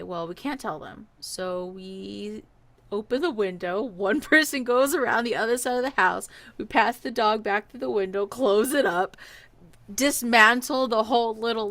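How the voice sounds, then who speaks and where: Chatty and animated, a woman shares something that happened to her, voicing parts of the conversation as she tells it. She has a mid-range voice, and there's no echo on the recording.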